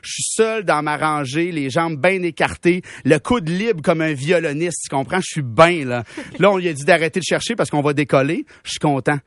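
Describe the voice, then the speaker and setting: A young man with a Québécois accent spins a comic story on the radio. His voice sits high and his delivery is lively and full of slang, with laughs at his own punchlines. The recording is close and dry, with no room sound. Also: moderate pace, few pauses, no echo. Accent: Québécois French. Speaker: radio show humor columnist.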